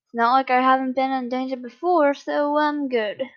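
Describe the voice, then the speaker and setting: A woman's voice: high-pitched, fairly even intonation, normal speed, lightly acted. A woman voicing a sarcastic, worn-out young blond man in a fan story reading, grumpy and tired. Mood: groggy. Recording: dull lo-fi recording.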